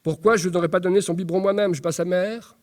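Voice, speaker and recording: A man's voice: sits high, fairly even intonation, darkish tone, voice pushed up, lightly acted. A man reading a stage monologue as an angry, distraught young mother who fires off outraged questions. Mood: outraged, agitated. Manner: raw, outraged, rapid-fire questions.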